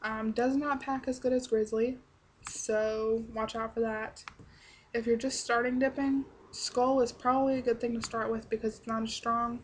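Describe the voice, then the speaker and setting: Young woman doing a chatty review, kinda high voice, rambles and swears, some background noise and clicks. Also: level tone, normal speed. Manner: blunt, salty-tongued, rambling. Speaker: product reviewer. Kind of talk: casual chatty review to camera.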